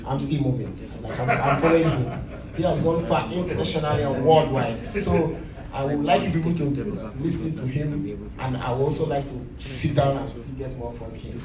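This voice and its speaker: A man's voice: medium pitch, normal speed. A man giving an earnest, fatherly motivational speech to an audience. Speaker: guest speaker, businessman. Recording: distant mic in a hall with a crowd.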